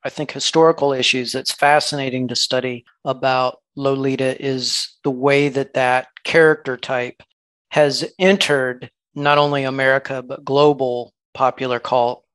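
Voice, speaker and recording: A man co-hosting a podcast, talking about a novel in a measured, thoughtful way. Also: medium pitch, flat delivery, fairly bright tone, clear, resonant tone, dry recording. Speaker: podcast co-host. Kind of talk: casual literary discussion.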